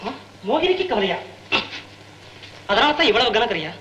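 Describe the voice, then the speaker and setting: An actor playing a cheeky young man, a scheming comic suitor given to quick joking banter. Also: extremely high pitch, big pitch swings, bright, forceful tone, a little hiss or hum, full character voice. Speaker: comic film character. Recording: echoey old film soundtrack.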